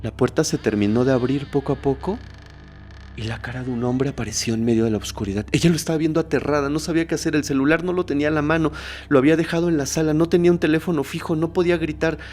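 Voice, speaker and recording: A man hosting a horror podcast, telling a story in a suspenseful way, dropping to a hush and rising again. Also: a little high, quick pace, soft background music. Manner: suspenseful, shifts between hushed and raised tones.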